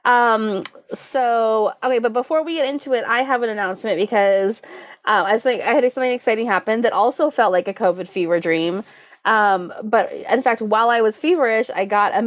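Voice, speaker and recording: A woman's voice: a little high, moderate pace, dry recording, clean studio sound. A woman co-hosting a podcast in casual chat, congested, chatty and laughing often between her filler words. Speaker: podcast co-host.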